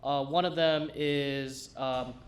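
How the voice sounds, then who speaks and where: A man's voice: medium pitch, steady tone, slow pace. A man from New York City with a Brooklyn accent, presenting a demo in a casual, conversational way. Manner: informal, conversational. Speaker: hack night demo presenter, non-developer. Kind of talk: casual live demo talk.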